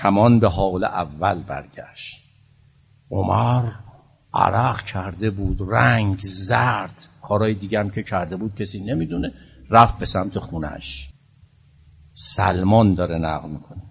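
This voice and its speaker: A man preaching a religious sermon with a husky, fairly low voice. He tells the story in a lively way and builds up to passionate appeals.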